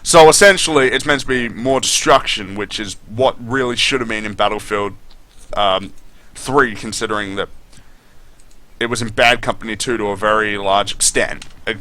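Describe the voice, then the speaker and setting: Bright, forceful man giving blunt game commentary. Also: on the low side, normal speed. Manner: opinionated, blunt, swears casually. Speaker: gaming video host. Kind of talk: unscripted game review commentary over gameplay.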